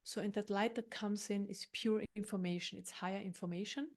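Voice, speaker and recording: In an unscripted meditation session, a woman guides listeners gently and patiently, explaining and frequently going back over her words. Her mid-range voice keeps a fairly level intonation.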